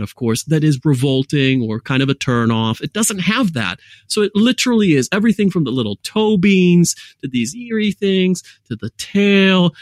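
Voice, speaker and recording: A man's voice: fairly high pitch, dry recording, clean studio sound. A man with a mixed American accent, a guest telling rambling, jokey stories in a casual interview. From United States.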